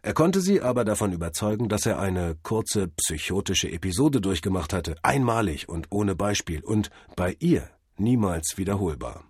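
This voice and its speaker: A man reading a short story aloud in a calm, measured storytelling manner. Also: low-pitched, breathy edge, no echo, clean studio sound. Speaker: narrator. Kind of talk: audiobook reading.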